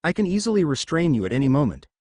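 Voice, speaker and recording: A man voicing a calm, confident adult male hero in a read-aloud story. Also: fairly high pitch, racing, no echo, studio quality.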